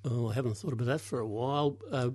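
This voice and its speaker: A man's voice: mid-range voice, fairly even intonation, fast, darkish tone, no room sound. A man in his seventies with an Australian accent, reminiscing casually as a radio guest and rambling toward his point. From Melbourne, Australia. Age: 70s. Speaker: interview guest. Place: radio studio.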